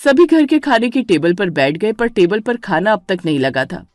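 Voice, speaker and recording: A woman narrating a family drama story with lively storytelling. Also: mid-range voice, normal speed, dry recording, clean studio sound, faint music behind. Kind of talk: scripted narration.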